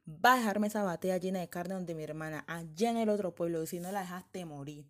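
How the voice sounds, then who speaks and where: A cruel old crone barks threats and orders in a scolding, menacing tone, as a woman storyteller puts her on. She speaks a little low for a woman, in a spoken storybook tale. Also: fairly quick, natural voice. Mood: threatening. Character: cruel scheming old woman, a witch-like tyrant.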